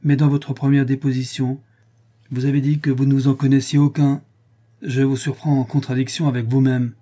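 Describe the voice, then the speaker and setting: A man's voice: mid-range voice, flat delivery, moderate pace, mellow, pitched above the performer's own voice, lightly acted. A man voicing a stern, commanding grand inquisitor who barks curt, imperious orders. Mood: accusing.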